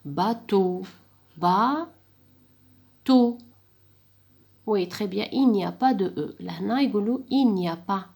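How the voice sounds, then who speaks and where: A woman's voice: medium pitch, warm tone. Woman teacher sounding out words. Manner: slow, clearly sounded-out words when modeling the exercise; mixes French and Arabic dialect mid-sentence. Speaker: primary school teacher. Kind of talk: classroom lesson walkthrough.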